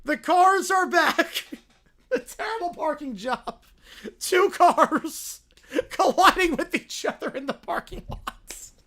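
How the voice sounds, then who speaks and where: A woman giving casual livestream reaction commentary, excitable and mocking, often gleefully repeating phrases. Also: sits high, takes it slowly. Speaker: livestream host reacting to videos.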